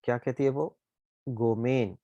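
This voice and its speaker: A man with an Indian accent, a Japanese teacher explaining words slowly and asking "ठीक है?" often. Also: mid-range voice, darkish tone, no echo, muffled recording. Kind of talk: online class explanation.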